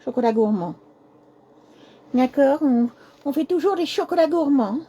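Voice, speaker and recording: A woman hosting a casual live craft stream, hoarse with a cracking voice, speaking softly and apologizing often while repeating herself. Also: high voice, animated, measured pace.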